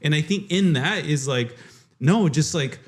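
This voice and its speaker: A young man co-hosting a podcast, recounting his week in relaxed, rambling casual chat. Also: a little high, measured pace. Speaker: podcast co-host.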